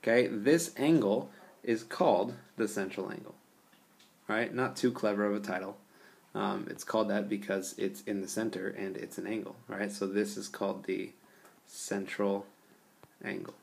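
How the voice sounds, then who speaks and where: A man's voice: on the low side, fairly even intonation, normal speed, creaky. A man teaching a geometry lesson over a screencast, explaining patiently in a casual way and often checking in with the listener. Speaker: math teacher.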